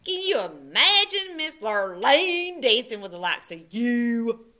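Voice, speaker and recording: A woman's voice: a little high, very animated, slow pace, sharp tone, exaggerated voice. A woman voicing a mean young cowboy who mocks his stepbrother in a storybook. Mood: mocking.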